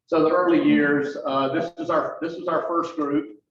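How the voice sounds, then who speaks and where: Halting man in a roomy meeting hall. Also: fairly high pitch, fairly even intonation, slight background noise. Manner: halting, restarts often, storytelling. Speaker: guest speaker for a charity. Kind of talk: presentation talk with slides. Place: meeting room. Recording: roomy, distant, dull mic.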